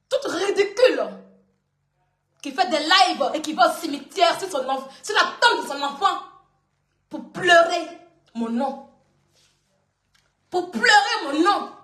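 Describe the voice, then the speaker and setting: A woman from West Africa mocks a rival to her viewers with a high, piercing voice, laughing between each jab and repeating her lines for effect. Her tone is bright and cutting, and the room around her rings with echo. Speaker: online personality doing a live clash. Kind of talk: taunting monologue to viewers.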